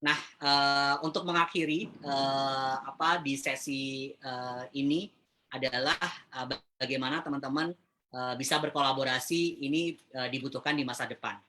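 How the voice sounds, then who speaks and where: A man talking through a webinar in a relaxed, conversational way, with a bright, clear tone. He often hesitates between phrases and speaks directly to his audience at an ordinary pitch. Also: moderate pace, slight background noise. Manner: frequent "eh" hesitations, chatty address to viewers. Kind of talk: casual webinar presentation.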